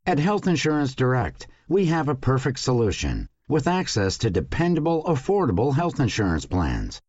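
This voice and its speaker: Male ad announcer, very animated pitch, emphatic sales read, dry slightly dull radio sound. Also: moderate pace, slightly rough, no echo. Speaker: advertisement announcer.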